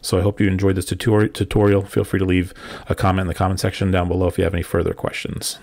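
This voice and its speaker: A man giving a step-by-step voice-over tutorial, explaining calmly with frequent ums. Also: low voice, fast, vocal fry, background noise. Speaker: kayak fishing vlogger.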